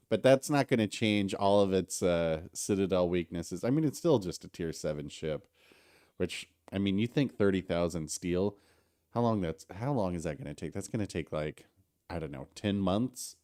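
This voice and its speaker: A stuffy, slightly hungover man talking through a live game stream. His voice sits on the low side, and he rambles along casually with plenty of ums and restarts. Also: lively intonation, moderate pace, warm tone, smooth. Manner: rambling, conversational, many fillers.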